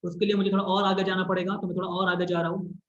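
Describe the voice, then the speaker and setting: A male teacher with a high voice gives a classroom physics lesson, drawing on a board as he explains and repeating himself while checking that students are following. His delivery is completely flat and racing. The echoey room gives a slightly dull recording with a little background noise.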